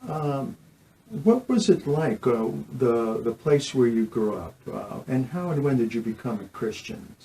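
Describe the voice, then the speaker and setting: Guy hosting an interview, halting, lots of pauses, warm mellow voice, mid pitch. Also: expressive, slight background noise, rough recording. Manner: halting, many "uh" fillers. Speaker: interviewer, host. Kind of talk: interview questions.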